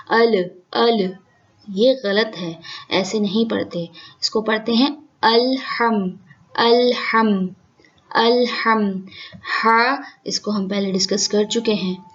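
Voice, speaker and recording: A woman teaching Quran recitation, speaking deliberately and drawing out sounds to demonstrate correct pronunciation. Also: medium pitch, dull audio. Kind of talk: tajweed lesson.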